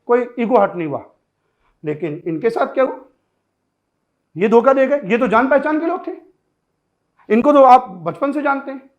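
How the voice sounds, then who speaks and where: A man teaching pronunciation in a classroom-style lesson, lively and joking, talking straight to his students. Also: high voice, lo-fi sound.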